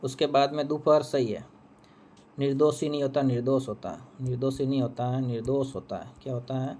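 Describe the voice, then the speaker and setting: A man's voice: mid-range voice, brisk, warm tone, a little hiss or hum. Repetitive male Hindi teacher. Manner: repeats answers, asks and answers own questions. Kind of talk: exam answer key walkthrough.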